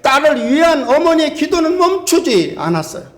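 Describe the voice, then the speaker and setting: A man preaching a sermon in a fairly high voice, pressing his points with emphasis. He keeps turning to the congregation with rhetorical questions. The sound carries the long reverb of a church sanctuary. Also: very animated, normal speed. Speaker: pastor.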